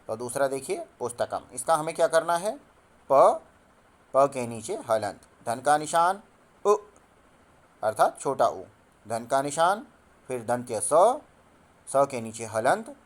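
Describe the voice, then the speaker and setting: Male teacher, screen-recorded lesson, slow measured delivery, mid-pitched voice, spells out words piece by piece. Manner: slow, deliberate reading with translation. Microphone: phone screen recorder.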